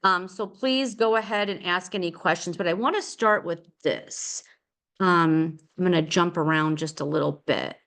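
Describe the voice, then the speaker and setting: A woman's voice: fairly low pitch, normal speed, a bit bright. Middle-aged woman running a real estate team training, chatty, rambly, lots of ums and restarts. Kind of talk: casual team training session.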